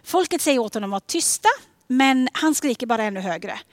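A woman giving a sermon in a gentle, conversational way, often dropping to a soft near-whisper on key questions. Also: fairly high pitch, lively intonation, no echo. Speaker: preacher.

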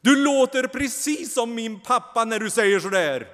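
A man reading a storybook and voicing the boy Cain, shrill and indignant, close to shouting, with a long hall reverb. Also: lively intonation, close to an everyday voice. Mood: mocking. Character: angry defiant young male Cain, a boy.

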